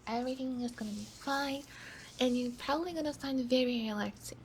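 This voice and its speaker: A woman in a whispered role-play as a reassuring doctor, talking softly and slowly and often dropping into a whisper. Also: high voice, slight background noise, low-quality recording. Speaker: ASMR creator.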